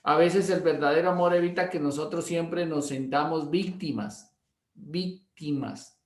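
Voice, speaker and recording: A man's voice: a little high, flat delivery, moderate pace. A pastor teaching a class through a long anecdote, acting out the dialogue and often repeating his words. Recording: roomy echo.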